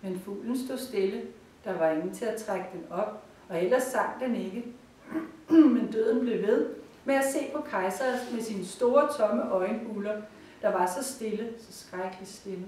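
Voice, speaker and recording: A woman reading a fairy tale aloud in a calm, measured storytelling manner, in a cosy room. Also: medium pitch. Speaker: reader. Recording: roomy, far from the mic.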